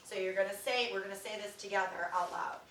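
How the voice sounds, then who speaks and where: A woman mindfulness consultant guides families through calm breathing and finger exercises, her voice often sinking to a soft near-whisper. She sits at a middle pitch and sounds some way off the microphone. The room adds a noticeable echo and a faint hum of background noise. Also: fast talker. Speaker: mindfulness consultant leading a workshop. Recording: roomy echo, recorded from a distance.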